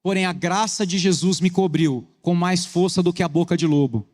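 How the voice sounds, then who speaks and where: A Brazilian pastor with a fairly high voice, preaching with earnest intensity. He switches between rushed phrases and slow, weighty lines. The sound carries a long echo from the church hall. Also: darkish tone. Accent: Brazilian Portuguese. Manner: earnest, shifts between quick bursts and slow emphasis. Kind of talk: sermon with personal testimony.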